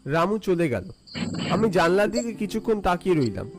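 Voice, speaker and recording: A man's voice: high-pitched, very animated, moderate pace, over music. A man narrating a scripted first-person ghost story in a theatrical, suspenseful way.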